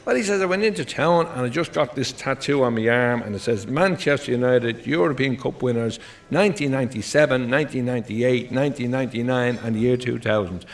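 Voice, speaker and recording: Speaking fairly quickly in a mid-range voice, a comedian from Ireland works through one-liners and short joke stories. He acts out the characters as he goes.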